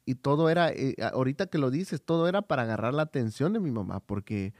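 A man's voice: mid-range voice, animated, fast talker, a little mellow, dry recording, studio quality. A man co-hosting a podcast in casual chat, hesitant with frequent fillers and restarts, telling personal stories. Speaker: podcast co-host.

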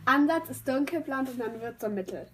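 A woman's voice: sits high, expressive, brisk, a bit bright, slight background noise. A young woman playing a party game with her close friend, teasing her and laughing along. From known co-host since age three. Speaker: co-host. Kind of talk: casual chat game.

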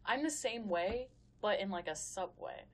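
A woman's voice: mid-range voice, animated, unhurried. A young woman co-hosting a casual podcast, blunt and crude, joking with a friend. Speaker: podcast co-host. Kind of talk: casual chat.

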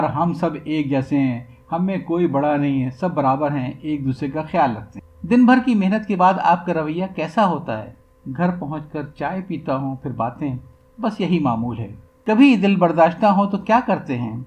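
A man with a fairly high voice reads an interview aloud for a podcast. He lifts his pitch for each question and drops back to a plainer tone for the answers. The recording sounds dull and lo-fi. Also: darkish tone. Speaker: podcast reader. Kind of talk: scripted reading of an interview.

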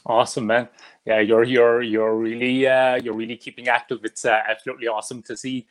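A man's voice: mid-range voice, level tone, a little fast. Hesitant male interviewer. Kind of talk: interview questions.

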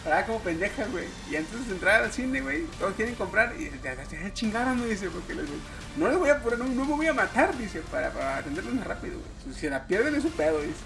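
High-voiced Mexican man, slangy storyteller. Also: sing-song, fast talker, gravelly, music in the background. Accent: Mexican Spanish. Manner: slangy, swears a lot, tells stories with voices. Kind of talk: casual chat.

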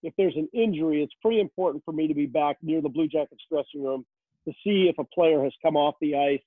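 The man is a hockey reporter who works rinkside, and his pitch is fairly high and his pace quick. The recording is dry but comes over a tinny phone line as he answers interview questions, spinning stories full of "uh" fillers.

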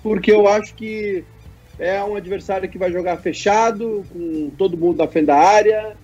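A man's voice: sits high, steady tone, moderate pace, a little mellow, dull audio. A man, co-hosting a casual sports chat and reading viewer messages in a joking way. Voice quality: nasal. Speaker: co-host.

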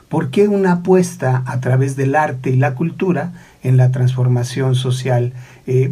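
A man hosting a panel discussion, posing questions to guests in an affectionate, measured way. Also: mid-range voice, mellow, breathy edge. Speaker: host and moderator.

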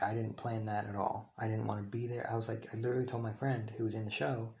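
A man's voice: fairly low pitch, gravelly, a little mellow. A young man hosting a podcast, telling a heated story in a rambling way, with many restarts and fillers. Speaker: podcast host. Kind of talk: casual storytelling monologue.

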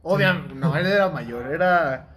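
A young man with a Mexican accent, telling an animated, slangy story in casual chat. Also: fairly high pitch, measured pace, soft background music.

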